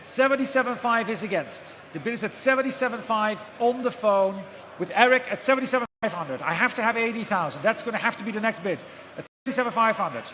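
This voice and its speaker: A man's voice: high voice, animated, fast, bright, forceful tone. A man working as an auctioneer, calling bids live in a repetitive chant and prompting bidders for the next figure. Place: large auction hall with live audience. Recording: echoey noisy hall, amplified live event.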